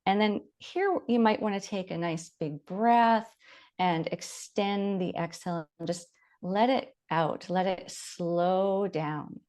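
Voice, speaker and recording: Leading a guided body scan meditation, a woman with a lowish voice offers soft, slow-paced instructions with long pauses between them.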